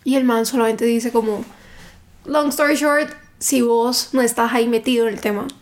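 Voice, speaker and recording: A woman, a book content creator telling stories in a casual interview, emphatic and animated. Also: fairly high pitch, moderate pace. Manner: animated, emphatic storytelling with reported dialogue.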